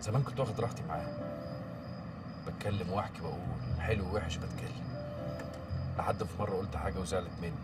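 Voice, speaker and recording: An actor playing an Egyptian man who is brisk and commanding with his friends and tender with his partner. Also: deep voice, over loud music, lightly acted. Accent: Egyptian Arabic. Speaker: gang leader. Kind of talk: TV drama acting. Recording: distant mic, heavy background noise.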